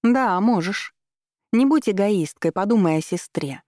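A woman's voice: mid-range voice, lively intonation, unhurried, darkish tone, slight background noise, pitched above the performer's own voice, close to an everyday voice. A woman voicing a cruel, scheming middle-aged mother who talks down to her daughter with cold scorn. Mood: coaxing, scornful.

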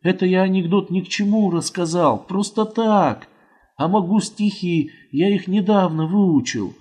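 A man's voice: high-pitched, measured pace, a little mellow, voice pushed up. A man reading an audiobook, voicing an eager schoolboy who pleads in a rush. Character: pleading, fast-talking schoolboy.

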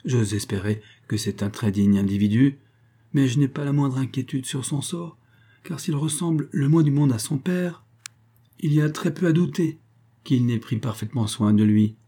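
A man's voice: medium pitch, moderate pace, warm tone, pitched above the performer's own voice, natural voice. A man doing a languid, mocking old marquis. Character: cool sardonic aristocratic older marquis.

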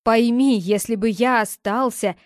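A woman's voice: on the high side, unhurried, a little mellow, no room sound, clean studio sound, natural voice. A woman voicing a young man, a tense ex-boyfriend who pleads and then turns curt and defensive, in an audiobook. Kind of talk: audiobook character reading.

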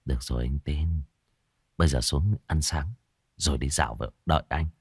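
A man voicing a hushed, soothing young boyfriend. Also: a bass voice, expressive, moderate pace, slightly rough, no echo, studio quality, voice pushed down, exaggerated voice. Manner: soft, hushed, coaxing. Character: calm young man soothing his frightened girlfriend.

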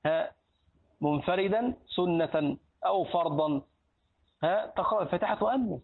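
Egyptian sheikh, lively classroom teacher, husky higher voice, asks questions and answers them himself; phone-quality lo-fi sound. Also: male voice, moderate pace. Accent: Egyptian Arabic. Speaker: sheikh teaching a hadith book. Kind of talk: Islamic lesson in a mosque. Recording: tinny lo-fi phone-like recording.

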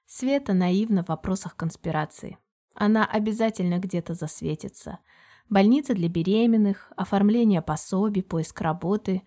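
Женщина с мягким тёплым голосом читает аудиокнигу. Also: female voice, mid-range voice, moderate pace, dark tone. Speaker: audiobook narrator. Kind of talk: scripted first-person audiobook narration.

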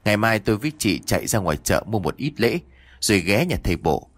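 A man voicing a calm, practical older village woman in a storybook ghost tale, speaking in a slow, level way. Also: lowish voice, no room sound.

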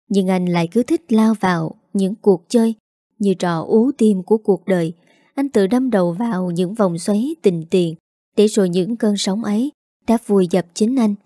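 Give me a woman narrating a story with a warm, mellow voice and dry sound. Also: medium pitch, no room sound.

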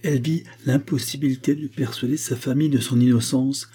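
A man narrating a classic novel aloud in a measured, even storytelling manner. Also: medium pitch, husky. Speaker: audiobook narrator. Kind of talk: scripted literary narration.

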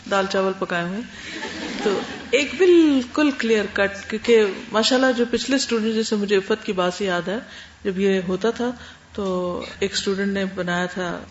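A woman teacher lecturing her class, explaining points in short lists and rhetorical questions. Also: medium pitch. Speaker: religious studies teacher. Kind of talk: classroom lecture answering students. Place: lecture room. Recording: roomy classroom, dull sound, faint hum.

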